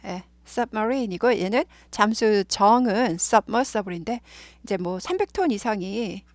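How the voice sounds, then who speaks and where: A woman's voice: mid-range voice, expressive, slow pace, dry recording. Korean woman drilling English words. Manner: repeats words over and over for drilling. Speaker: English teacher. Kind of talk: explaining English vocabulary and pronunciation.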